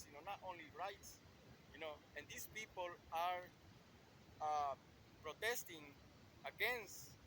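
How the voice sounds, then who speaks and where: A man's voice: high voice, sharp tone. A man from El Salvador, talking outdoors in a rambling street monologue and saying "you know" constantly. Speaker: vlogger. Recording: noisy street with passing traffic.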